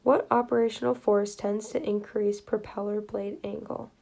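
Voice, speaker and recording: A woman reading aloud written and oral exam study questions and their answers, in a steady, plain reading manner. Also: mid-range voice, moderate pace, gravelly.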